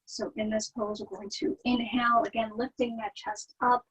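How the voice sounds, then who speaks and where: A woman teaching yoga, guiding the poses in a soothing, gentle manner with a slightly husky, breathy voice. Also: on the high side, level tone, moderate pace, poor audio. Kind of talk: guided yoga instruction.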